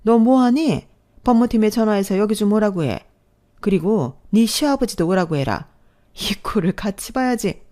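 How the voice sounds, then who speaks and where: A woman voicing a rich, sharp-tongued older mother-in-law in a haughty, scornful manner, read as storybook dialogue. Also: mid-range voice, lively intonation, moderate pace, lightly acted.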